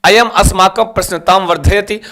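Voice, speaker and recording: High-voiced man teaching an online class. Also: fairly even intonation, normal speed, bright, forceful tone. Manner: quizzes students and keeps urging them to like and share; repetitive, coaxing. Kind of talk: live online exam-prep class.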